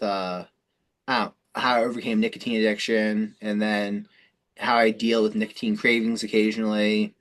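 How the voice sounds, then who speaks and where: This is a man of medium pitch whose voice has a slightly bright quality. Hosting a self-improvement call, he rambles through improvised, informal explanations peppered with frequent profanity.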